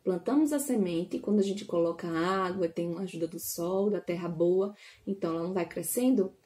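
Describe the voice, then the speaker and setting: A woman's voice: fairly low pitch, a little fast, mellow. A woman with a Brazilian Portuguese accent teaching a phonics lesson to small children, stretching out syllables and asking coaxing questions. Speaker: preschool teacher. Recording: roomy echo.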